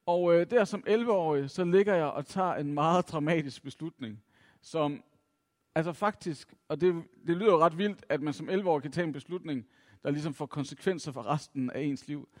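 A man's voice: fairly high pitch, a little mellow. A middle-aged man from Denmark telling a personal story to an audience, reflective and self-mocking, with lots of filler sounds. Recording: long reverb from a hall.

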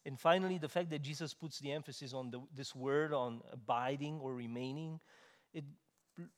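A male preacher with a mid-range voice, his sermon rolling through a reverberant church hall. He swings between loud, emphatic stresses and quiet, conversational asides. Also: medium pitch, fairly even intonation, moderate pace. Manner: rises to loud emphatic stresses, then drops soft and conversational.

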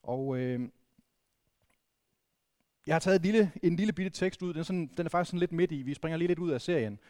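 Male pastor, from Vendsyssel, conversational sermon, tag questions, somewhat high-pitched, dry sound. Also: a little mellow, dry recording. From Vendsyssel, Denmark. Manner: conversational preaching with frequent restarts and tag questions.

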